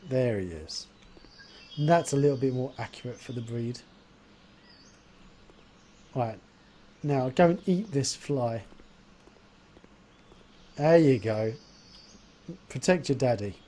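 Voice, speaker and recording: A man's voice: mid-range voice, expressive, slow pace, long pauses, dark tone, slight background noise. A man hosting a livestream in casual chat, pronouncing his R's like W's. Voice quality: cannot pronounce R's, says w for r. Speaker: livestream host.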